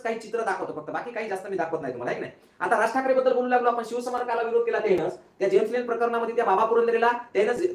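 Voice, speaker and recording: A man's voice: very high voice, fairly bright tone. A man, giving a casual, mocking political rant to viewers with repeated rhetorical asides. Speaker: political commentator. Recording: roomy, from a distance off mic.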